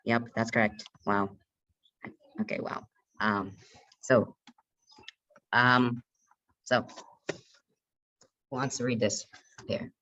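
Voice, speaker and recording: Halting man leading an online lesson. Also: medium pitch, steady tone, pushed and bright. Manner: halting, hesitant, many restarts. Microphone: video call. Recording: muffled video call audio.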